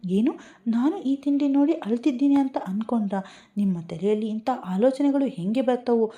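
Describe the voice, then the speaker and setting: A woman's voice: medium pitch, normal speed, mellow, lightly acted. A woman voicing a hurt, sulky young bride. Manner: pleading and sulky retorts.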